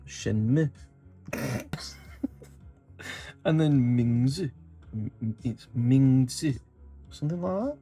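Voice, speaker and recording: A man's voice: medium pitch, lively intonation, takes it slowly, long pauses, warm tone, husky, soft background music. A man hosting a casual comedic vlog, rambling and self-mocking, swearing often. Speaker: vlog host.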